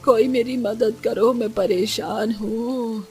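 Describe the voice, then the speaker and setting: Cartoon old beggar woman, slow pleading voice, somewhat high. Actress plays her. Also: fairly even intonation, darkish tone, faint music behind. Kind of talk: cartoon story voice acting.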